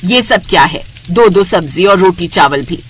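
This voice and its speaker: A woman's voice: on the low side, lively intonation, moderate pace, breathy edge. Woman voicing a nagging old mother-in-law. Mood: scolding. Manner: scolding, exasperated. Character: nagging older mother-in-law, sharp-tongued.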